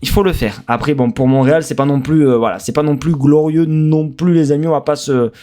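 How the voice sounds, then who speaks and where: A man's voice: fairly high pitch, fairly even intonation, fairly quick, mellow, soft background music. A man from France with a French accent, casually previewing a football match as a streamer, chatty and hesitant with many fillers.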